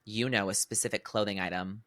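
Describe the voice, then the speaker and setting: A young man in his twenties co-hosting a podcast, chatting casually in an animated, expressive way and laughing often. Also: fairly low pitch, fairly quick. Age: 20s. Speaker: podcast co-host. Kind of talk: casual chat.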